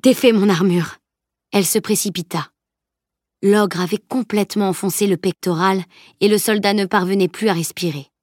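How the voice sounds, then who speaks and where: A woman reads an audiobook aloud in a measured, even manner. Her voice sits at a middle pitch. The recording is close and dry, with no room sound. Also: dry recording. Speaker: audiobook narrator. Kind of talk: scripted audiobook narration.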